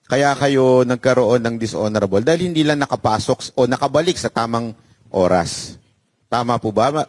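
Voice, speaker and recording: A male host with a middle-pitched voice who sums up the guests' answers and then presses them with pointed questions. He speaks in a lively, animated way with plenty of pitch swings. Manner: lively, probing, summarizing questions. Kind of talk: talk show moderation.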